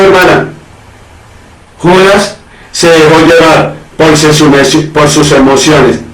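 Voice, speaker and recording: A high-voiced male pastor preaches an impassioned sermon at a slow, deliberate pace. His voice comes from some distance off the mic, and it echoes around a roomy space. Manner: impassioned preaching, repeatedly addressing "hermano, hermana".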